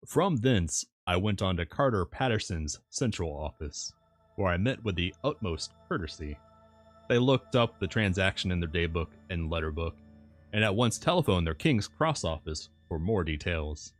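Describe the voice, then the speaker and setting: Deep voiced guy reading an old novel out loud, slow careful phrasing, music behind him. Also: expressive. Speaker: streamer reading a novel aloud. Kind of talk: audiobook-style narration of a classic novel. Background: background music.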